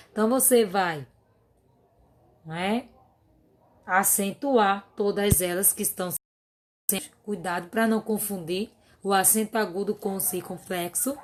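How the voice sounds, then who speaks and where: A woman teacher with a Brazilian Portuguese accent, going over workbook exercises in a remote class and patiently dictating lists of words one by one. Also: mid-range voice.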